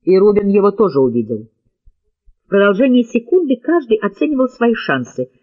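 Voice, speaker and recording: A man's voice: high voice, big pitch swings, fairly quick, a little mellow, muffled recording. A man narrating an audiobook in a tense, dramatic reading style. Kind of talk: scripted narration.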